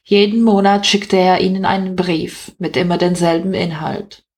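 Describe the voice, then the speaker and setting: A woman reading a novel aloud in a steady, measured storytelling voice. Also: fairly low pitch. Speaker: audiobook reader.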